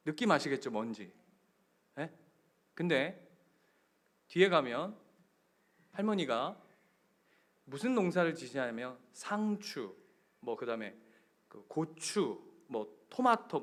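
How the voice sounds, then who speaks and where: A male pastor preaching a sermon, telling stories and acting out quotes, building up to loud passages. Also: fairly high pitch. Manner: storytelling, acting out quotes, rising to shouts.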